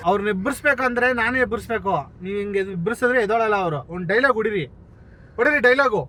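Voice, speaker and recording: A man's voice: sits high, racing, noisy background. A man playing a prank, talking in a pushy, teasing and coaxing way inside a car. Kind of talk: hidden-camera prank talk.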